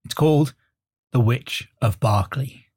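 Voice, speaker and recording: A man narrating a medieval tale for a history podcast in a measured storytelling way. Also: medium pitch, noisy background. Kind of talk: reading a medieval tale aloud.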